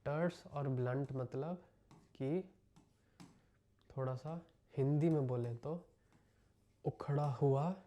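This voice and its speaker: A man with an Indian accent teaching English vocabulary, explaining each word slowly and repeating it in Hindi. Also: mid-range voice, mellow, dull audio. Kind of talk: vocabulary lesson.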